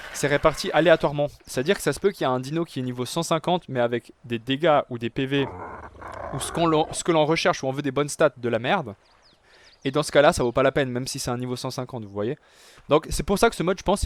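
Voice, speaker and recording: In this casual let's-play commentary, a young man talks about his game in a chatty way, addressing viewers as "les gars" and filling his speech heavily. He's a gaming YouTuber with a medium-pitched voice, recorded with a slight hiss or hum.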